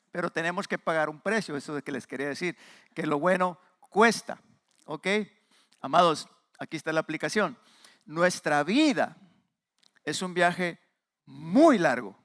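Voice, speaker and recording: A man with a Mexican Spanish accent, preaching a sermon and speaking straight to the congregation, emphatic with quieter asides. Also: sits high, lively intonation, normal speed, long pauses, dry recording, studio quality. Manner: addresses the congregation directly. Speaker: pastor.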